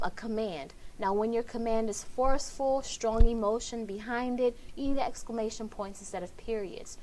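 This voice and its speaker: A woman's voice: on the high side, a little hiss or hum. A woman writing instructor giving a recorded online lecture, explaining step by step and repeating key points.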